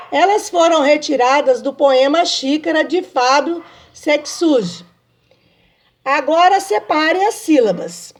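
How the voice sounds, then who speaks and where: Woman as primary teacher, high and unhurried voice, patient sing-song delivery for kids. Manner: slow, patient, sing-song teacher talk with frequent checks. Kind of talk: remote lesson to children.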